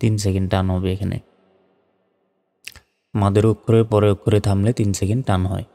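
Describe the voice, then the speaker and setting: A man teaching Quran reading, spelling out Arabic syllables one by one and then reciting the verse slowly. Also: fairly low pitch, flat delivery, mellow, in a large hall.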